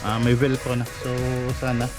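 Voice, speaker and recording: A Filipino motorcycle rider casually reviews a helmet headset at home in a vlog, addressing his viewers directly and using lots of filler tags. His mid-range voice is monotone and at normal speed. Music can be heard playing from the headset.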